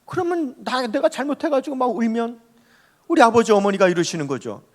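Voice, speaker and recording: A man's voice: very high-pitched, brisk. A man preaching a Sunday sermon as pastor, talking straight to the congregation and asking it questions. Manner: animated, rising and falling, speaks to the congregation directly. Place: church sanctuary. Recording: long hall reverb.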